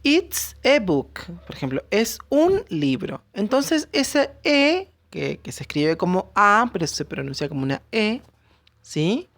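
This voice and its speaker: Slow, patient woman teaching English. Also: mid-range voice, sing-song, no echo. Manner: explains slowly, checks in with a questioning tag after each point. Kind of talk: recorded classroom lesson.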